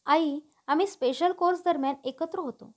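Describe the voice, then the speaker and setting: A woman's voice: high voice, normal speed, a little mellow, close to an everyday voice. A woman voicing a composed, polite young woman in a storybook reading. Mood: measured.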